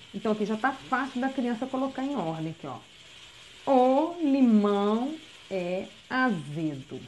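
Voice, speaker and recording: A woman's voice: fairly high pitch, a little mellow, slight background noise, poor audio. Patient woman teaching step by step. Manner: patient, step-by-step explaining with frequent "tá?" check-ins. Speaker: literacy teacher. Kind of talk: recorded teaching lesson.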